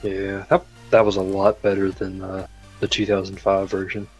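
A man's voice: low voice, completely flat delivery, moderate pace, soft background music. A man chatting casually as a guest on a gaming stream, rambling with lots of fillers and laughing often. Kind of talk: casual chat.

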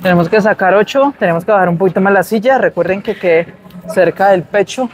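Speaking fairly quickly in a high-pitched voice, a young adult fitness vlogger gives upbeat, casual chat to camera between sets. He's first in a large indoor gym and then on a shopping mall walkway.

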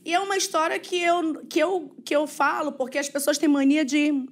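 A high-pitched woman with a Brazilian Portuguese accent, speaking as a podcast guest. Her telling is earnest and emotional, and she slips into the voices of the people she quotes. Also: steady tone, moderate pace. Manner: acts out quoted dialogue. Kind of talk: personal storytelling in a casual interview.

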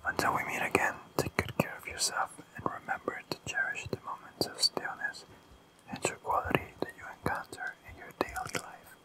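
Soft unvoiced ASMR whisperer. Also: low-quality recording. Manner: fully unvoiced soft whisper, slow and soothing. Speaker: ASMR host.

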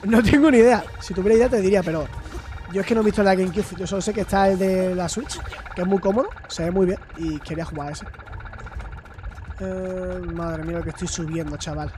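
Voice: mid-range voice, brisk, background noise. A streamer from Spain with a Spanish accent, chatting casually while playing and answering chat, swearing and exclaiming freely. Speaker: gaming streamer. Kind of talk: casual let's-play chat with chat replies.

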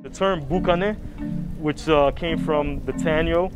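A man in his thirties, a chef, explaining his cooking in a relaxed way with many fillers. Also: fairly high pitch, measured pace, music in the background. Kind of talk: documentary interview. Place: rooftop grill, outdoors.

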